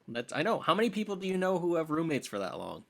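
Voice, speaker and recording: A man in his thirties co-hosts a casual film podcast, teasing and joking with his co-host. His voice sits fairly high and swings widely in pitch as he talks. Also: fast talker, gravelly. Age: 30s. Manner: teasing, animated, jokey. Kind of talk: casual chat.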